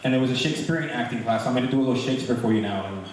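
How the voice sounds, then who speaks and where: A man's voice: mid-range voice, very fast. A man from doing a chatty stand-up comedy set in a comedy club, teasing the crowd. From Brooklyn, New York. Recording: echoey live club recording from far off, crowd noise.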